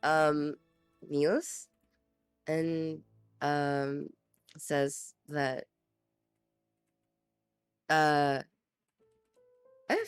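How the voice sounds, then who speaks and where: A woman with a Filipino accent narrating her character's actions in a tabletop game, halting as she searches for words. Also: deep voice, little pitch movement, clean tone, dry recording, soft background music. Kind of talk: improvised role-play narration.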